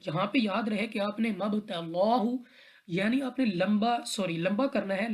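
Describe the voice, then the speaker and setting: A woman teaching tajweed, explaining recitation rules one letter at a time in a patient, repetitive way. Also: mid-range voice. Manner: patient, step-by-step, repeats rules and checks in with "theek hai".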